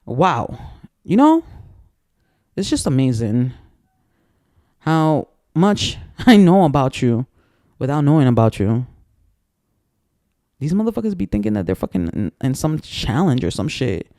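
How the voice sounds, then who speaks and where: A man's voice: medium pitch, sing-song, a little slow, pauses often, warm tone, dry recording, studio quality. A man in an angry, profane, rambling personal rant to camera, repeating himself as he gets worked up. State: emotionally worked up.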